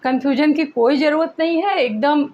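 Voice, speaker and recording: A woman teaching Hindi grammar for exams, reading questions aloud slowly and repeating words so students can write them down. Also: sits high, highs cut off. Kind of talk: exam-prep grammar lesson.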